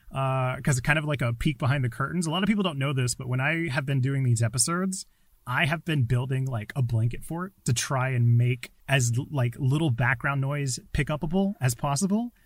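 A man's voice: mid-range voice, a bit bright, dry recording. A man co-hosting a casual podcast, chatting informally from a small closet. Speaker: podcast co-host.

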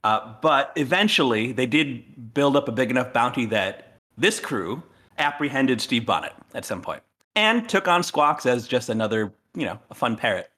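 A man's voice: medium pitch, lively intonation, normal speed, sharp tone. Man rambling through a character backstory. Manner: loose, rambling, with fillers. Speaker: player. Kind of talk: casual tabletop character backstory.

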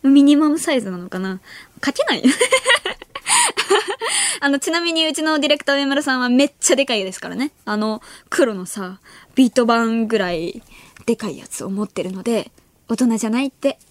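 A bubbly teenage woman hosting late-night radio, her high voice bouncing up and down as she chats and giggles through listener letters. She talks playfully, straight to her listeners, into a studio mic with a dry, close sound. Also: big pitch swings, moderate pace, no room sound. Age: late teens. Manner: giggly, laughs often between remarks. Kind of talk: casual radio chat reading listener mail. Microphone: studio microphone.

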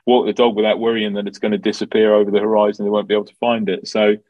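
Low, even-toned Dublin Irish man. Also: rapid-fire, no echo, lo-fi sound. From Dublin, Ireland. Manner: explanatory, informal, peppered with 'you know'. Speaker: farm manager, interview guest. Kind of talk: conversational interview answers.

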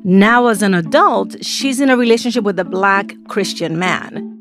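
A woman host giving a calm, measured scripted introduction. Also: medium pitch, over music. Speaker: podcast host.

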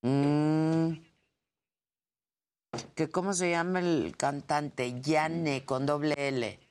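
Slow, low Mexican woman host. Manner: relaxed, teasing banter. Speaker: news show host. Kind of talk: casual studio chat.

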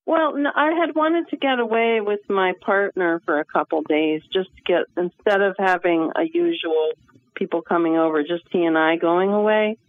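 A woman's voice: on the low side, normal speed, dry recording. A woman from Connecticut calling in to a radio show over the phone, speaking hesitantly. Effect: phone line. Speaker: caller. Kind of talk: call-in radio chat. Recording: tinny dry phone line.

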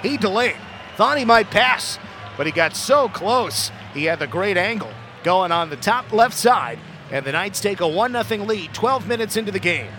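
A man's voice: high voice, lively intonation, moderate pace, pushed and bright, soft background music. A man giving live hockey commentary as play-by-play announcer, with dramatic calls on big plays. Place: arena broadcast booth.

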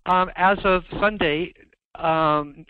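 A man's voice: high voice, steady tone, takes it slowly, clear, resonant tone, no room sound. Male guest heard over a landline phone, dull dry sound, easygoing and self-deprecating. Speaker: guest author. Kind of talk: casual interview chat. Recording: muffled landline phone line.

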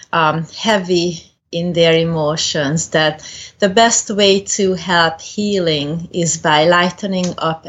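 A woman of around forty from Hungary, with a Hungarian accent, answering as an interview guest in a gentle, thoughtful way with pauses. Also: on the low side, lo-fi sound. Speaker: guest spiritual medium.

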